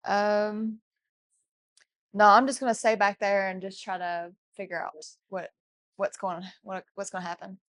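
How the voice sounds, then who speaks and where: A woman's voice: mid-range voice, level tone, unhurried, a bit bright, no room sound, clean studio sound. A woman playing a tabletop game, hesitant and asking questions. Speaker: player.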